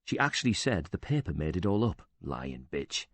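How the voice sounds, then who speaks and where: A bitter older widower with a short temper, indignant and sarcastic, cursing as he defends himself, read by a man. The voice is low and husky, and it sounds close and dry, with no room around it. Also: sing-song, normal speed, fairly bright tone, no echo, full character voice.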